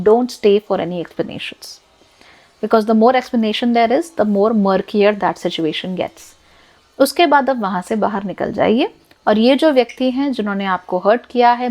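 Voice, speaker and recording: A woman's voice: medium pitch, a little mellow. A woman with an Indian accent giving direct advice to camera, firm and instructive, repeating her key points. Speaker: life advice host.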